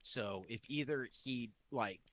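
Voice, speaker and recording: A man's voice: mid-range voice, unhurried, a bit bright, dry recording. Rambling male podcast co-host. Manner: rambling, with many restarts and fillers. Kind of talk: casual chat.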